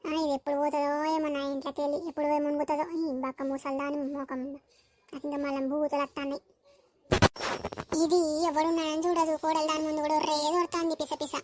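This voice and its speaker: A woman's voice: high voice, flat delivery, quick pace, a little mellow, slight background noise, natural voice. A woman voicing a grumbling young village daughter-in-law with a Telangana accent. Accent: Telangana Telugu. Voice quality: muttering, grumbling.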